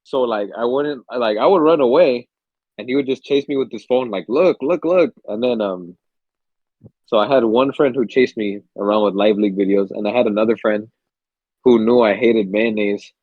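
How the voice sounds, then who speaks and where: A young podcast co-host, stuffy and under the weather, tells rambling stories in casual chat, laid-back and swearing freely. His medium-pitched voice moves at a moderate pace, and the audio is narrow and tinny with no room sound.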